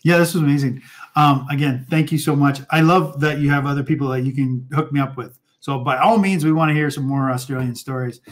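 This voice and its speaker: A man's voice: medium pitch, steady tone, brisk. A man hosting an interview show, chatting enthusiastically and casually, with lots of fillers and restarts. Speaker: podcast host.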